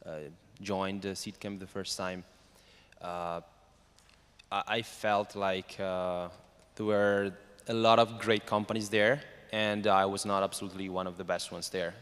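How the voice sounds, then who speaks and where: An Italian-accented man gives an informal panel answer as a startup founder. His voice is fairly low and clear, with hesitant phrasing as he looks for words. It carries the reverb of a hall. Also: little pitch movement, unhurried, a bit bright.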